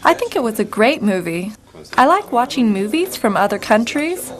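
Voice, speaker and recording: A cheerful young woman, lively voice. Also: on the high side, normal speed. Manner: bright, expressive, clearly spoken. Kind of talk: scripted dialogue for English learners.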